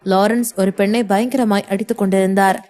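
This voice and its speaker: Woman, story narrator, steady reading, medium pitch. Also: a little fast. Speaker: audiobook narrator. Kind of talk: scripted narration.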